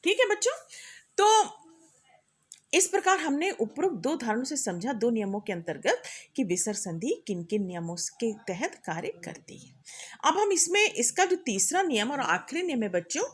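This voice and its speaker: A woman's voice: a little high, big pitch swings, moderate pace, breathy edge. A middle-aged woman teaching a class, explaining patiently and often checking that her students follow. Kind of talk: classroom lecture.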